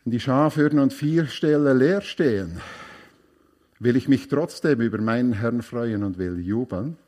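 A man preaching a sermon, emphatic and repeating key phrases, swinging between hushed and loud passages. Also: mid-range voice, lively intonation, unhurried.

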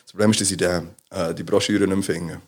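A man's voice: low-pitched, steady tone, fairly quick, darkish tone. A man with a Swiss German accent, chatting casually as a podcast co-host and rambling through stories with many fillers. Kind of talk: casual chat.

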